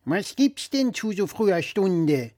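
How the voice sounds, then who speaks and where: Man voicing a blustering father, opinionated, emphatic, raised voice, lively pitch, dry close sound. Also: slow, no echo, exaggerated voice. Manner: loud, emphatic, lecturing.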